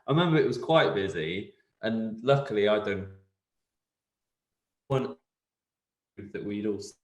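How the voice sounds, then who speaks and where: A man's voice: lowish voice, animated, unhurried. A former bar worker, a man, speaking hesitantly and rambling over a video call from a converted garage. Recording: roomy video call audio.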